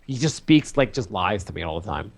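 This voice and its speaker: A man co-hosting a podcast, chatting casually and telling rambling, animated stories about his two small children with many fillers. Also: fairly low pitch, brisk, vocal fry. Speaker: podcast co-host. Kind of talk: casual chat.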